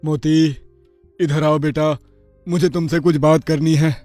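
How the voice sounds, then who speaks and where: A calm, fatherly bull in a cartoon tale, played by a man. He reasons gently and persuasively, in a slightly raised voice recorded close and dry. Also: fairly high pitch, a little slow, dry recording, faint music behind, natural voice. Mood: patient.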